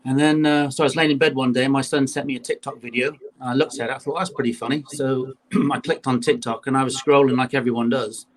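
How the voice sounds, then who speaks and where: A man's voice: medium pitch, steady tone, fast talker. A man, a guest chatting on a call, leaning on "you know" and frequent "uh". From England. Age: 50s. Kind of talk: casual interview on a call.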